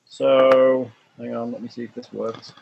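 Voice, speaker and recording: A man running a tabletop game as game master, calmly describing the caves and calling for dice rolls. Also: medium pitch, measured pace, vocal fry, muffled recording. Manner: calm, descriptive narration with restarts.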